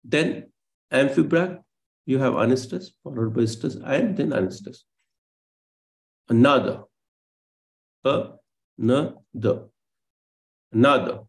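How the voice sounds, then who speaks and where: Gravelly man lecturing online. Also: medium pitch, expressive, slow pace, pauses often. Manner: explains patiently, many fillers and self-corrections.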